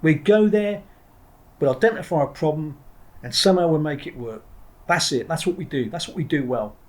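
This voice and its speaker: Fairly high in pitch and moderate in pace, this voice comes from a middle-aged Englishman who used to train Marines. As a podcast guest, he offers reflective interview talk. He's blunt and wanders off topic, restarting sentences often and swearing from time to time.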